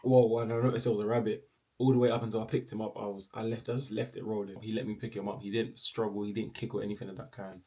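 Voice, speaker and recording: A man's voice: on the low side, flat delivery, fast talker, mellow. A young man, telling a personal story casually and acting out the other people's voices playfully. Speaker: storyteller vlogger.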